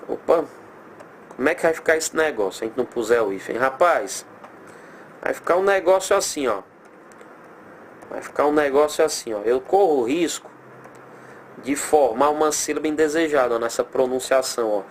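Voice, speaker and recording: A man with a Brazilian accent teaching a recorded grammar lesson, animated, drawing out example words slowly and asking himself rhetorical questions. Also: medium pitch, a little hiss or hum.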